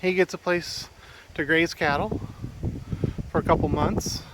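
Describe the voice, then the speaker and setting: Unhurried and a little breathless, the vlogger talks his way around his homestead in a loose, casual tour. His pitch is on the high side and his tone stays steady, against background noise.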